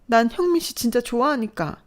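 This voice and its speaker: A woman's voice: fairly high pitch, animated, a little fast, pitched above the performer's own voice, natural voice. A woman voicing a distressed young adult daughter who pleads and lashes out at her mother in a dramatized story. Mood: distraught. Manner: pleading, tearful outbursts.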